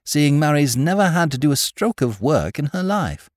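Lord Peter Wimsey, a man reading a wry, courteous gentleman. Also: a little high, big pitch swings, moderate pace, no echo, studio quality, voice pushed up. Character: polite, dryly amused aristocratic gentleman.

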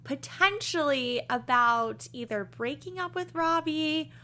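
A woman's voice: sits high, lively intonation, unhurried, pushed and bright. A young woman chatting casually as a podcast co-host about television. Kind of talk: casual chatty TV recap conversation.

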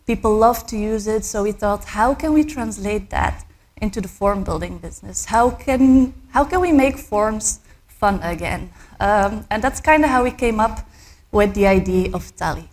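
A woman in her thirties from Belgium presents her startup to a live audience, pausing often on filler words. She has a cold, and her pitch sits in the middle of the range. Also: darkish tone. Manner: hesitant, many fillers. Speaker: startup co-founder giving a talk. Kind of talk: conference presentation.

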